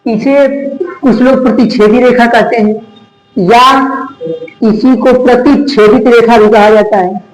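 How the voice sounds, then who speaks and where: High-voiced man teaching math, echoey room. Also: steady tone, darkish tone, soft background music. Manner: asks questions then answers them, drawn-out key words. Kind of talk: classroom math lesson.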